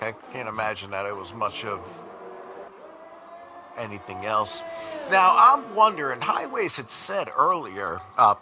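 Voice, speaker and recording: A man with a New York accent commentating a sim race casually, with lots of fillers and restarts. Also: lowish voice. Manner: casual, rambling, many fillers. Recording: noisy with engine sounds behind. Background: racing car engines.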